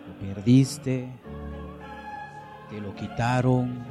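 Over music, a male pastor delivers a church sermon at medium pitch with a steady tone. His pace is slow and emphatic, phrases come back again and again, and he moves from booming proclamations to quiet, pleading moments.

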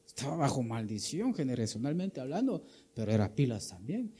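A man's voice: medium pitch, sing-song, a little fast, mellow, husky. A man with a Guatemalan Spanish accent preaching a sermon, emphatic and full of rhetorical questions, often calling listeners brother.

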